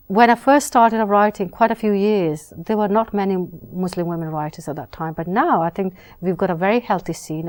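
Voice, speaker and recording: With a fairly low pitch, a British woman novelist responds to interview questions. Her answers are measured and reflective, with a few restarts along the way.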